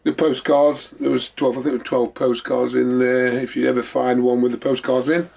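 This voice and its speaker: Hosting a memorabilia show, a man chats casually in a rambling way, repeating himself often. His medium-pitched voice is level, creaky, and a little mellow, and he keeps a moderate pace.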